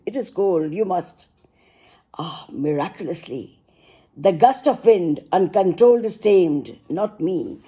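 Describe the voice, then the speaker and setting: Middle-aged woman, author at a poetry reading; mellow, mid-pitched voice, measured and hesitant. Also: slightly rough. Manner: unhurried, pausing with frequent hesitations between phrases. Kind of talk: poetry reading and thanks to readers.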